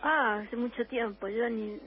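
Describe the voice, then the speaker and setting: Guesting on a radio interview, this older musician from Uruguay talks with a Chilean accent, slowly and thoughtfully, with frequent restarts. Her voice is a little high; the audio sounds dull, with faint music in the background.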